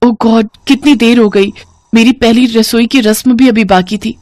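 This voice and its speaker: A woman's voice: a little high, fairly even intonation, normal speed, a little mellow, no room sound, voice pushed up, lightly acted. A woman voicing a timid young bride in a cartoon story, who talks in an anxious, pleading, stammering way. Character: timid young new bride, easily frightened.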